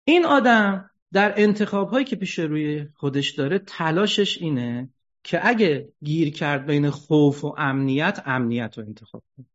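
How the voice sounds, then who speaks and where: A man giving an ethics lecture, animated, asking rhetorical questions and joking wryly. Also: fairly high pitch. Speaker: religious lecturer. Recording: dull lo-fi recording.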